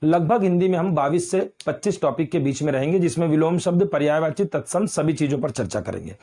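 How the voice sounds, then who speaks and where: A man teaching grammar in an online exam-prep lecture, explaining slowly with repeated examples and calling his students beta. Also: a little high, animated, warm tone.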